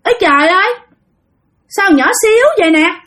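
A woman voicing an aunt possessed by a young man's spirit, blurting excited exclamations. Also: very high voice, moderate pace, pitched above the performer's own voice. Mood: astonished.

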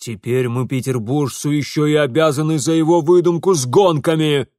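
A man's voice: fairly high pitch, moderate pace, a little mellow, no echo, clean studio sound, natural voice. A man voicing a portly, enraged noble father who bellows and blusters in an audiobook. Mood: furious. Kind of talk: audiobook character voice.

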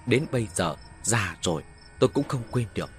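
A man's voice: on the low side, animated, brisk, soft background music. A man telling a first-person horror story as an audiobook narrator, with dramatic, varied delivery.

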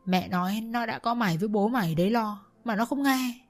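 Woman putting on a shrill wailing mother-in-law. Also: brisk, faint music behind, close to an everyday voice. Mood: wailing accusation. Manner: shrill, accusing, sobbing complaints.

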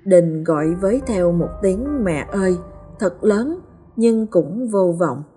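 A woman narrating a ghost story in a slow, somber, even storytelling manner. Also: mid-range voice, soft background music.

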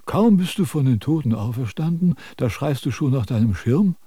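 An actor playing a self-important sage who lectures and scolds in a radio drama. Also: male voice, mid-range voice, lively intonation, normal speed, dark tone, breathy edge, no echo, clean studio sound. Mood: lecturing. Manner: pompous, preachy, scolding.

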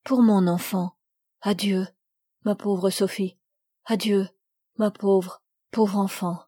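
A woman voicing a dying, remorseful older woman who speaks in broken, halting phrases. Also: mid-range voice, steady tone, dark tone, slightly rough. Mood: pleading.

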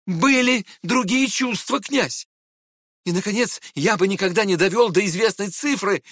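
A man's voice: sits high, normal speed, no room sound, studio quality, voice pushed up. A man voicing an indignant touchy young man. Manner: excited, indignant pleading. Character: proud touchy young man, hot-tempered.

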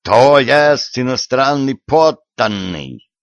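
A man's voice: medium pitch, lively intonation, takes it slowly, no room sound, pitched above the performer's own voice. Man doing a german-accented clumsy foreigner, broken grammar, dull dry audiobook sound. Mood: eager. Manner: mangled grammar, comic foreign lilt.

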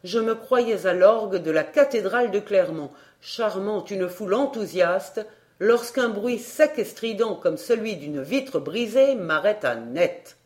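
A woman narrating an audiobook of a classic tale. She reads slowly and deliberately in a mid-range voice. Her storytelling is measured and expressive. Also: medium pitch.

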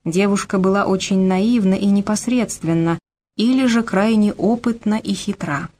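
A woman narrating a novel in a measured storytelling way. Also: mid-range voice, warm tone. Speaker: audiobook narrator. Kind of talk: scripted narration.

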